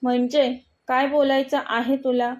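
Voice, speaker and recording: A young man with a quick temper in a storybook reading, voiced by a woman narrator. His lines come out sharp and demanding in her own high voice. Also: little pitch movement. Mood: angry. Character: angry young man, hot-tempered son.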